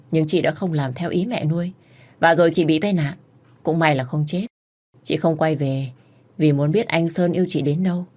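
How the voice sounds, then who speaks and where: A low-voiced scheming young woman, pleading one moment and calmly calculating the next, as a woman reads her out. It is an audiobook rival figure in a romance story.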